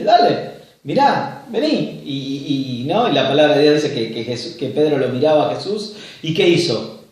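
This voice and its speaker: A male pastor with a Rioplatense Spanish accent preaches in a chatty, conversational manner, and tags his points with quick questions to the congregation. His voice sits a little high for a man. It was picked up from some distance in a very echoey room. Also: darkish tone. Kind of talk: sermon. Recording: echoey room, mic far off.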